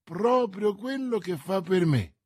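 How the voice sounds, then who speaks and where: A man reading aloud and voicing a bold, eager young Gascon guardsman, with a husky voice. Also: high voice, animated, takes it slowly, a little mellow, dry recording, clean studio sound, pitched above the performer's own voice, full character voice.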